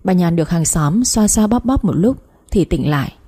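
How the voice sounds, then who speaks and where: Một người phụ nữ đọc truyện audio với nhịp kể đều đặn. Giọng khàn nhẹ, trầm tối, cao độ hơi thấp. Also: female voice, fairly low pitch, normal speed. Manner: steady storytelling. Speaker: story narrator. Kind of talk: audiobook narration.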